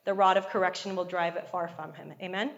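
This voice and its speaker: A woman's voice: fairly low pitch, steady tone, fast. Middle-aged woman preacher, chatty sermon delivery with constant call-and-response checks. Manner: conversational, frequent call-and-response "Amen?" and "okay?".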